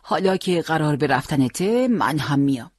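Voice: mid-range voice, expressive, darkish tone, no echo, lightly acted. A storyteller voicing an old grandfather who volunteered for the front, earnest and stubborn, in a dry recording.

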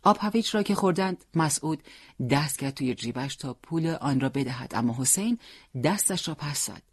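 A narrator reading a story aloud in a measured, expressive way. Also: mid-range voice, husky. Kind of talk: scripted audiobook narration.

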